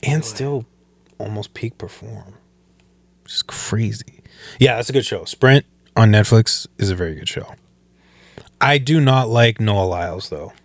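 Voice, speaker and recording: Low-voiced man hosting a podcast, dry sound. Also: measured pace, pauses often, no echo. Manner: easygoing, rambling asides. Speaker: podcast host. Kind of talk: casual chat.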